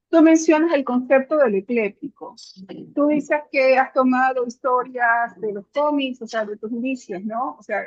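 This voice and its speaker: High-voiced woman interviewer, dry and dull sound. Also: no echo. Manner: warm, admiring, long winding questions. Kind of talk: literary interview.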